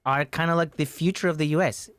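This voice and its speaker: A man in his thirties from Chile with a Chilean Spanish accent, co-hosting a casual comedic podcast in a small studio on a desk boom mic. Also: fast talker, no echo. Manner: animated, gestures a lot, playful. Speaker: podcast co-host. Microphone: desk mic on boom arm.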